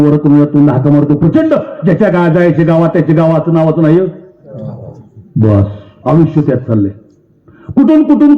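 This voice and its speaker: A man preaching a devotional sermon, emphatic and insistent, with rising and falling intensity. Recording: roomy, dull low-fidelity sound.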